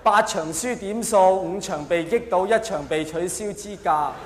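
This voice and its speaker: A stand-up comedian with a Hong Kong Cantonese accent performs a theatrical, self-mocking monologue to a live audience at a large comedy venue. His voice is high and his pace measured, with the echoey hall adding faint noise.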